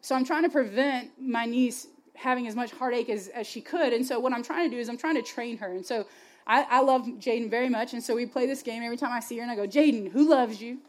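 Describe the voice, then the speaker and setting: Brief: young adult female youth speaker, conversational sermon, passionate, slightly high-pitched, casual filler words. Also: fast. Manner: passionate, chatty, heavy use of "like" and "y'all". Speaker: speaker at a youth faith gathering.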